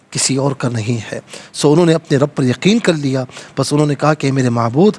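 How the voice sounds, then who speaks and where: A man from Pakistan hosting a televised religious lesson, explaining verses and patiently correcting callers' recitation. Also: fairly high pitch. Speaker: Quran teacher and TV host. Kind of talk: religious lesson with live call-ins. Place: TV studio.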